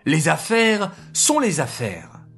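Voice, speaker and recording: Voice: mid-range voice, huge pitch swings, slow, a bit bright, breathy edge, faint music behind, full character voice. A storyteller voicing a poor, stubborn man who insists firmly on his price. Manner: stubborn, emphatic.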